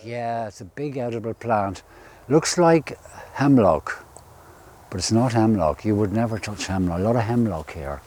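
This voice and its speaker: A man's voice: on the low side, lively intonation, normal speed, darkish tone, slight background noise. A man chatting unhurriedly as a local nature guide outdoors. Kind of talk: casual explanatory chat on a walk. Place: outdoors in a wetland nature reserve.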